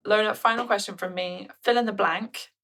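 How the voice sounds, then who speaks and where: A woman hosting an interview podcast over a video call, chatty and quick to agree with her guest. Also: mid-range voice, fairly even intonation, a bit bright. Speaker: podcast host. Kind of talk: casual interview chat.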